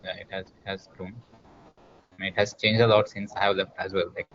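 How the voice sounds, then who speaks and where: Male, Kannada Indian accent, lower register, casual participant on a slightly muffled online call. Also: level tone, a little fast, fairly bright tone, a little hiss or hum. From Bangalore, India. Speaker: participant, performance marketer. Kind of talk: casual chat. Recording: dull lo-fi call audio.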